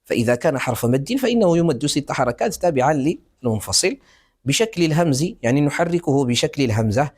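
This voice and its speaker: A man teaching a Quran recitation lesson on tajweed, explaining rules and drawing out example words slowly and deliberately. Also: fairly high pitch, big pitch swings, a little mellow. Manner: slow, deliberate examples with restarts.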